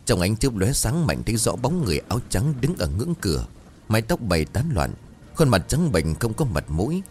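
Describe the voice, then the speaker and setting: A man narrating a horror story in a dramatic, expressive way. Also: on the low side, fairly quick, slight background noise.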